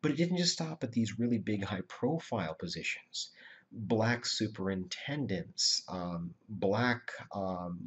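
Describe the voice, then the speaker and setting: A man's voice: on the low side, slightly rough, muffled recording. A male history teacher giving a conversational classroom lecture, often checking in with "right?" and restarting his sentences.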